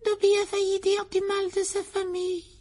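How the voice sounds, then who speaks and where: Dobby, a squeaky servile house-elf. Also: monotone, moderate pace, darkish tone. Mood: earnest. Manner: squeaky, servile, constantly says sir, speaks of himself in the third person. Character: tiny servile male house-elf, anxious and tearful. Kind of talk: audiobook character voice.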